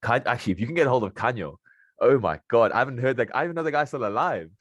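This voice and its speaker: A man's voice: mid-range voice, expressive, racing, dry recording, dull audio. A young South African man chatting casually as an interview guest, with a slangy, matey way of talking. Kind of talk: casual chat.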